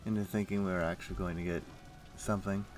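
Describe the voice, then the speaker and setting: A game livestreamer with a morning voice chats informally with viewers, giving casual live commentary full of gamer slang while music plays behind him. His voice is deep and steady, and he talks quickly.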